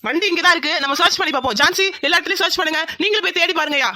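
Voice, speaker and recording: A performer voicing a determined male police inspector in a cartoon drama, giving brisk commands. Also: very high-pitched, bright, forceful tone, no room sound, studio quality, exaggerated voice. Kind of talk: Tamil cartoon drama voice acting.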